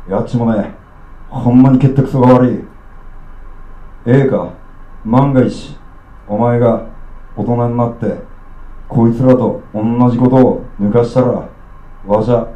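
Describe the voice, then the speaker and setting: A man with an Okayama accent voicing a gruff, drunk middle-aged uncle who rants bluntly at a child in rough dialect. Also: mid-range voice, roomy sound, dull audio, natural voice. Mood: indignant.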